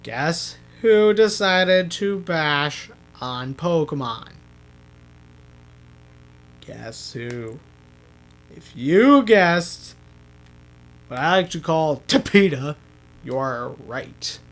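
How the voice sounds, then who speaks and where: A man hosts a let's-play, giving casual gameplay commentary in a slightly high, expressive voice at a slow pace with long pauses. He rambles, corrects himself as he goes, and laughs at his own slips.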